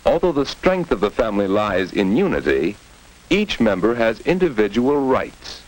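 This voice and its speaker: Man, 1950s educational narrator, low pitch, animated intonation, instructive scripted delivery, vintage film soundtrack. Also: normal speed, rough recording. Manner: instructive, addresses the viewer directly.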